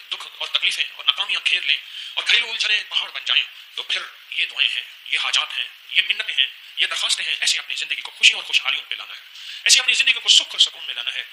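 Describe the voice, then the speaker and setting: A man preaching a sermon, repeating phrases with feeling and slowly chanting prayers. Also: a little high, pushed and bright, low-quality recording. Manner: emotional, repetitive preaching, slow chanted prayers. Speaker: religious speaker. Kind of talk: sermon with recitation.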